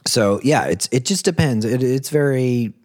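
A man in a casual podcast conversation about songwriting, rambling and relaxed with lots of fillers. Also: medium pitch, normal speed. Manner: relaxed, rambling, many fillers and "you know".

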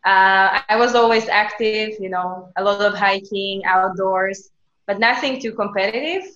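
A woman in her thirties from Slovakia, speaking English as a podcast guest, lively and chatty with many casual fillers. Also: medium pitch, measured pace. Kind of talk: casual interview chat. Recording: echoey, dull lo-fi remote recording.

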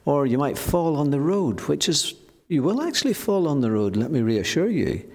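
A man preaching in an earnest, gently exhorting way, using rhetorical questions and repeated phrases as he addresses a church service. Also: a little high, very animated, normal speed. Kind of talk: evening church sermon and closing prayer. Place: large reverberant church or hall. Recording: long hall reverb.

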